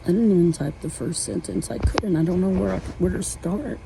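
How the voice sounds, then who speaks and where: A woman in her late forties talking at home from her bed in a halting, rambling vlog monologue full of restarts. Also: fairly low pitch, creaky, noisy background. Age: 40s. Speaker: vlogger.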